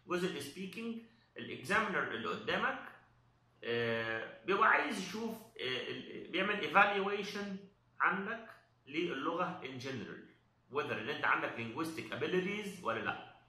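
Bright-voiced Egyptian man explaining, echoey. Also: medium pitch. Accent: Egyptian Arabic. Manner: hesitant, frequent drawn-out "uh" fillers, mixes in English terms. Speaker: English test instructor. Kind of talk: explanatory talk.

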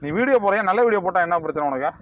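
A man hosting a staged roadside drama on a bridge, talking in an excitable, scolding and advising way. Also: high-pitched, rapid-fire, dry recording, lo-fi sound. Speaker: vlogger, channel host.

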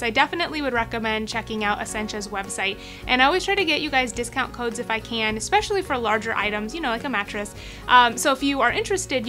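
A woman's voice: on the high side, sharp tone. A young woman chatting enthusiastically to her viewers in a lifestyle vlog, filmed in her bedroom. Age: young adult. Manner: bubbly, enthusiastic, addresses viewers as you guys. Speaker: lifestyle vlogger. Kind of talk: upbeat product vlog. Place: bright bedroom, indoors.

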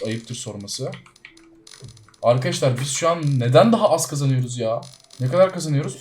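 A gaming YouTuber gives casual, excitable commentary as he plays, talking directly to his viewers and swinging from loud surprise to low muttering. There's a little hiss or hum in the recording.

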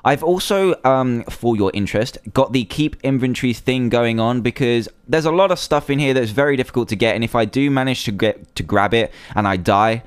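A man's voice: mid-range voice, fairly quick, few pauses, smooth, no room sound. A young man giving casual, chatty commentary while playing a survival game, often nervous and easily panicked. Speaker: gaming video creator.

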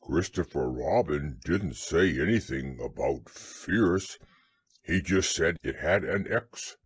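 A gentle, slow-witted male storybook bear. The voice is low, slow and slightly husky, with a naive, hesitant and happy manner. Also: animated, no echo, heavily acted. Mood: happily excited.

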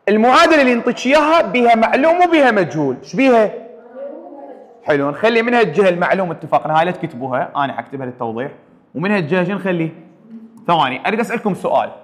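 Iraqi guy teaching math fast, keeps quizzing the class, voice rings in a big echoey room. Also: high-pitched. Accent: Iraqi Arabic. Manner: quizzes students with repeated call-and-response questions. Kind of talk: classroom lecture.

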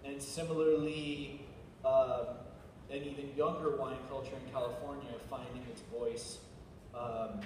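A man's voice: mid-range voice, little pitch movement, measured pace. A man speaking as a sommelier on a panel, thoughtful and rambling with many restarts. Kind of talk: panel discussion. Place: large glass-walled event hall. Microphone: far camera. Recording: echoey hall from far off, noisy.

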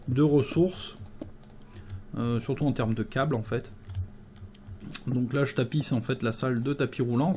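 A man's voice: medium pitch, a little mellow, a little hiss or hum. A man giving let's play commentary, thinking aloud as he builds, with many hesitations and fillers. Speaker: gameplay commentator.

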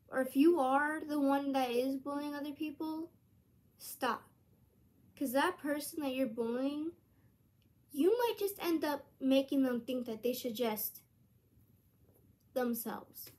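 A woman with a high voice speaks to her channel in an unhurried, earnest casual vlog. She rambles and restarts her thoughts mid-sentence. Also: a little mellow. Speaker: YouTuber.

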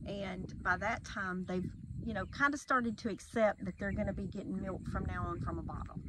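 A woman's voice: medium pitch, moderate pace, noisy background. Woman explaining fawn care outdoors. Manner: patient, explaining step by step. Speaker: wildlife rehabber. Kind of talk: casual outdoor interview. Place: outdoors by a metal barn wall.

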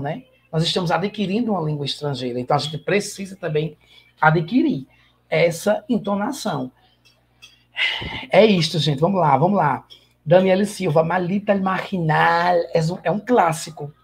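Husky Brazilian man lecturing casually. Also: a little high. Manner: chatty, addresses viewers by name. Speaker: guest lecturer. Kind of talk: informal online lecture.

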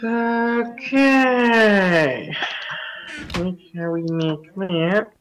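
Guy gaming co-op, talks slow and teasing, kinda high voice. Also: animated, poor audio. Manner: joking, contrary banter. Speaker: gamer. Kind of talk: co-op gameplay chat.

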